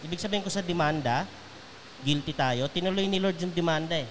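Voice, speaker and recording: A man's voice: a little high, brisk, slight background noise. A pastor talking in a casual discussion, making his point through examples and checking in often with his listeners. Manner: explains by examples and checks in with "okay?". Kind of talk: casual chat.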